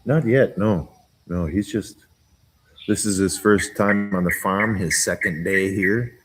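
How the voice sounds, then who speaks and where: A man vlogging outdoors on a jungle farm, chatting casually in a rambling, giggly, relaxed way. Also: deep voice, takes it slowly, a little hiss or hum. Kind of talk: casual chat.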